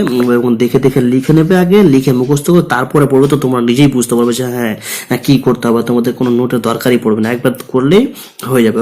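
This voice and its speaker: Halting man explaining an English lesson. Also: mid-range voice, darkish tone. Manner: reads English phrases slowly, then glosses them in Bengali; halting, with many filler sounds and restarts. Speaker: English teacher. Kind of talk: recorded lesson explaining a text line by line.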